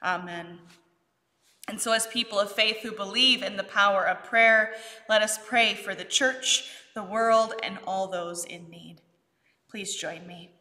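A middle-aged woman pastor leading worship in a church sanctuary, reading the creed and prayers in a measured, solemn way with her arms raised. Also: mid-range voice, sharp tone, in a large hall. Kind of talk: leading liturgy and intercessory prayer. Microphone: fixed camera at mid distance.

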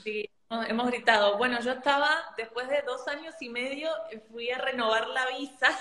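Bright excited woman in a roomy space. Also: a little high, moderate pace. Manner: excited, emphatic. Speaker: producer. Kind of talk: casual chat. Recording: roomy echo.

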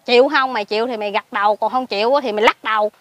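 Animated Southern Vietnamese woman storyteller. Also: on the high side, rapid-fire, background noise. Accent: Southern Vietnamese, Mekong Delta. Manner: animated, jumps between hushed asides and excited outbursts. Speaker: lay Buddhist recluse, interviewee. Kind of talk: casual spoken storytelling. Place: outdoors in a pomelo garden.

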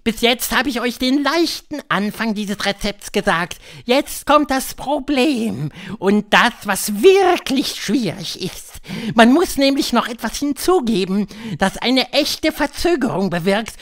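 A man reading an audiobook, voicing an imperious female witch leader who lectures in a shrill, drawn-out way. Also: expressive, a bit bright, exaggerated voice. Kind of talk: audiobook character voice.

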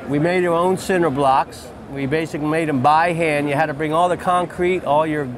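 A fishing lodge outfitter in his forties tells his story with enthusiasm and repeated phrases during an interview at a trade-show booth, recorded on a lapel mic. His voice is fairly high and steady, at a fairly quick pace. Crowd chatter fills the busy indoor convention hall behind him.

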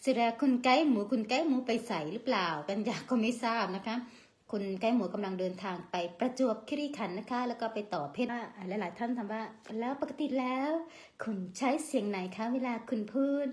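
She speaks fairly quickly in a somewhat high, darkish voice, an Isan-accented woman running a relaxed live stream. Chatting away, she reads out and thanks viewers for their comments while talking about herself by name in the third person.

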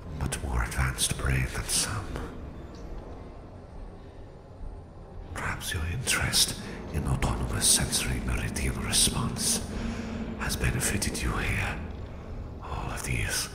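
Whispery, gravelly and very deep, a man's exaggerated voice plays a domineering Soviet psychic supervillain with a Russian accent, slow and condescending in an ASMR roleplay. He sounds smug, persuasive and menacing, and the room is echoey.

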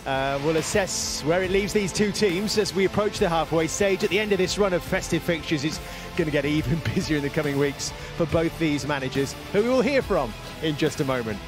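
A man presenting football coverage pitchside, with brisk, polished links. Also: lively intonation, over music. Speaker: television presenter. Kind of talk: broadcast presenting. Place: outdoors pitchside at a stadium.

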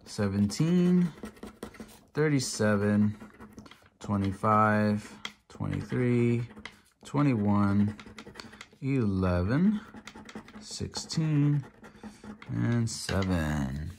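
A man's voice: lowish voice, very slow, creaky, long pauses. A man hosting a casual tabletop video, giving running commentary and calling out numbers in short, clipped phrases. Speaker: host of a scratch-off ticket video. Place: indoor tabletop in a room. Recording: steady scratching and clicking noise. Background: scratching of lottery tickets, clicks.

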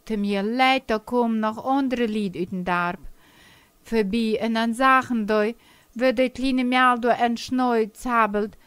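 An older woman telling a children's story slowly and gently. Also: fairly high pitch, fairly even intonation, clear, resonant tone, no room sound. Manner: slow, gentle storytelling with dialect words.

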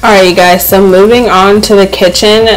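A young woman narrates her home cleaning vlog in a relaxed, conversational voice. Her pitch sits in an ordinary middle range, and filler words come easily. Faint music plays quietly behind her. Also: moderate pace, poor audio. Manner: relaxed, chatty, with frequent "um" fillers. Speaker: cleaning vlogger. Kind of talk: casual voice-over narration. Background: faint background music.

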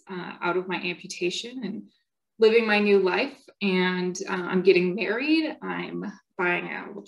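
A young woman tells her own story at a patient symposium. Her pitch sits in an ordinary middle range. She talks earnestly, pausing on fillers and restarting sentences as she goes. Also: vocal fry, low-quality recording. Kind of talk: personal testimony talk.

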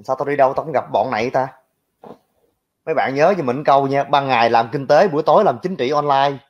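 The recording is dull and lo-fi. A young man speaks briskly in a mid-range voice and a Southern Vietnamese accent, ranting on a livestream in response to viewer comments while crudely and brashly mocking those who criticize him.

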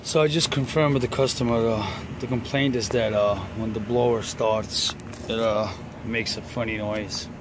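A young male HVAC technician films himself on a noisy building rooftop with a handheld phone, narrating his repair job in a blunt, profane, joking on-the-job vlog style. His voice is on the low side and steady, at a normal speed with hardly any pauses. Air-conditioning units hum behind him along with traffic.

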